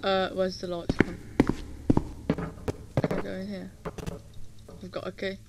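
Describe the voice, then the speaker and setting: A scared horror game streamer talks through play in a casual, uneasy mutter. The delivery is slow and sits at a medium pitch, with loud buzzing and clicking game noise over the voice. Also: monotone, gravelly. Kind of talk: casual gameplay commentary.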